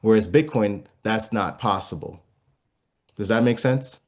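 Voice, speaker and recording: A man with a lowish, darkish voice speaks at a measured pace as a guest talking about investment. He explains patiently, restarting often and filling pauses, and asks the audience if it makes sense.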